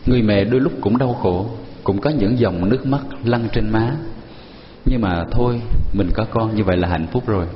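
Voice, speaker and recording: A man telling a story slowly and deliberately to listeners he addresses as children. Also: on the low side, long reverb tail, slight background noise. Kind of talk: slow spoken storytelling to listeners. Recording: dull lo-fi recording with music.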